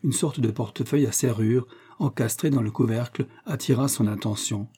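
A man narrating an audiobook in a steady, measured way. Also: medium pitch, husky.

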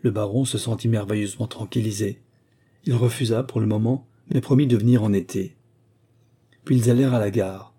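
Guy reading a novel aloud, pretty low, husky, steady pace. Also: a little fast. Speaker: narrator. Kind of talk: scripted audiobook narration.

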